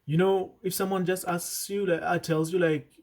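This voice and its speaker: This young vlogger offers advice straight to camera in a chatty, sincere way, breaking off to restart sentences and slip in asides. He has a high-pitched, level voice, slightly mellow, at normal speed.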